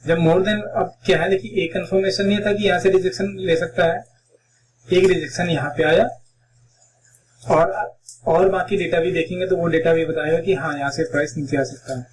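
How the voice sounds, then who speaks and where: A man teaching a live online trading class, explaining step by step and mixing phrases into Hindi. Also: fairly high pitch. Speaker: trading instructor. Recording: distant mic with faint background noise.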